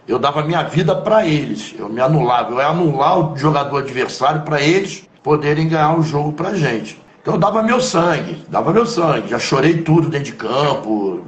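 A man with a Carioca accent, a former footballer, telling stories from his past in an interview, in an animated, slangy way full of asides. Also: medium pitch. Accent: Carioca Brazilian Portuguese. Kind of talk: conversational storytelling interview. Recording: roomy echo.

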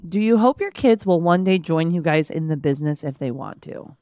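A woman's voice: sits low, a little fast, no echo. A woman in her thirties co-hosting a home podcast in casual chat, playful and teasing. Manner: playful teasing, animated imitations. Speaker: podcast co-host. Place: home basement studio.

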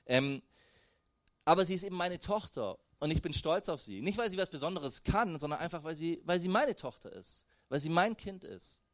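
Young man, preacher, casual sermon, animated pitch, dry close sound. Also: moderate pace, no echo. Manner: conversational, lively, addresses listeners directly with "hey" and "weißt du".

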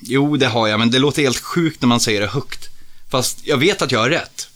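A male reader voicing Erik, a wide-awake, bossy young man who talks briskly and insistently. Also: medium pitch, a bit bright, voice pushed up, close to an everyday voice.

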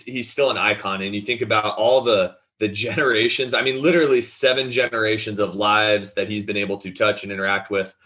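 A man co-hosting a casual sports talk show, energetic and enthusiastic, talking in long runs. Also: fairly low pitch. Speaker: sports podcast co-host.

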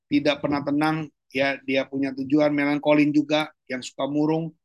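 A man speaks in a fairly high voice, loose and colloquial, a pastor teaching over a video call. His pitch leaps when he makes a point, and he laughs now and then. The sound is dry, with no room around it. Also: moderate pace, no room sound, dull audio. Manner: animated, colloquial, jumps high in pitch for emphasis and laughs often. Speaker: pastor giving a seminar. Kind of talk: casual teaching talk. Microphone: online video call.

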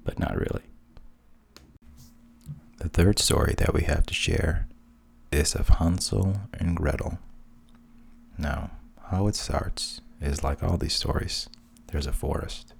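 A man retelling fairy tales in a hushed, half-whispered narration, with wry deadpan asides. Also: extremely low pitch, slow pace, vocal fry, long pauses, husky. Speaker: storyteller.

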